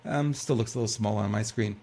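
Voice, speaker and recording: A man's voice: on the low side, fairly quick, a little mellow. An older man co-hosting a political news talk show, reading news aloud and commenting casually with rhetorical questions and frequent restarts.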